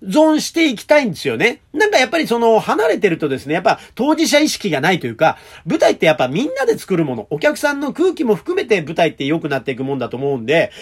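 Husky, lively man in casual talk. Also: high voice, quick pace, hardly any pauses. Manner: chatty, animated storyteller with polite old-fashioned phrasing; self-deprecating humor. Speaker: stage performer hosting his own audio talk show.

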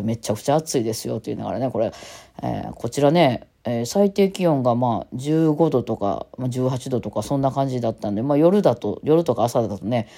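A woman with a thick Osaka Kansai accent chats through a rambling solo talk, full of fillers and restarts. Her voice is gravelly and mellow. She talks quickly, and her pitch swings widely. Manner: rambling and chatty, with many fillers and self-corrections. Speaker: musician and podcast host.

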